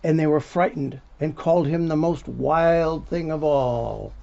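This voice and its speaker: A volunteer reads a children's picture book aloud in a man's slightly high, mellow voice with vocal fry, unhurried and informal, engaging young listeners interactively. The recording is dull and lo-fi with faint background noise.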